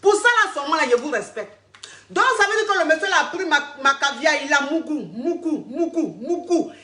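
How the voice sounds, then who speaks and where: A woman's voice: sits high, lively intonation, a little fast, pushed and bright, reverberant. A woman, coaching callers on a live stream in a crude, teasing, repetitive way and often laughing. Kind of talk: livestream advice chat.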